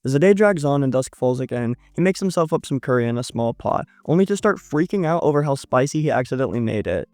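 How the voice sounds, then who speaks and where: A man's voice: mid-range voice, lively intonation, quick pace, hardly any pauses, a little mellow, no echo, studio quality. A young man reading a scripted manga chapter recap in a casual, slangy way with joking asides.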